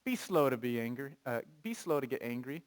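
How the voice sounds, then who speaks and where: This pastor's sermon moves briskly, his male voice sitting at a medium pitch. Animated and chatty, he questions his listeners and reads from scripture.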